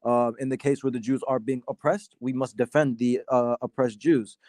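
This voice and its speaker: A man from Sudan arguing his side in a casual debate, halting often with fillers and restarts. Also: mid-range voice, fairly even intonation, darkish tone, no room sound. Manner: hesitant, many fillers and restarts. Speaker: debate guest.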